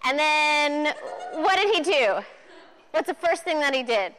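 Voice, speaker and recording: Animated high-voiced woman preaching. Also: measured pace. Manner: animated, playful retelling with audience questions. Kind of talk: lively sermon to a group. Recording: reverberant hall.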